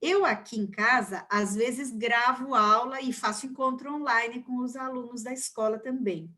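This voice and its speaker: A woman teacher with a fairly high voice talks from her bedroom at home. She is chatty and tells short anecdotes in a casual online class. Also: fairly even intonation, moderate pace, bright, forceful tone.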